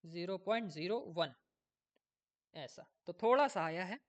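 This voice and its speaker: A man's voice: sits high, animated, unhurried. A man giving a casual coding tutorial, thinking aloud as he works, often losing his place and checking in with viewers.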